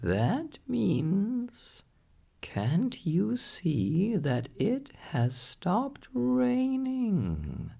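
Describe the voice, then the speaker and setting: A man voicing a knowing female parrot in a bedtime storybook, in a high, patiently instructive voice. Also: huge pitch swings, vocal fry, dark tone, slightly rough, exaggerated voice. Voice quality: high, falsetto voice. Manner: drawn-out, instructive delivery. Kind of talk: storybook character voice.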